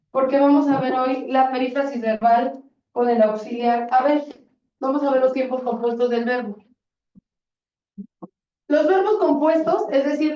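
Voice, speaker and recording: A woman's voice: sits high, mellow, roomy sound, a little hiss or hum. A woman teaching a grammar lesson, asking students questions and encouraging them. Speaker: Spanish teacher. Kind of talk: classroom lesson. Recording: lo-fi classroom recording from a distance.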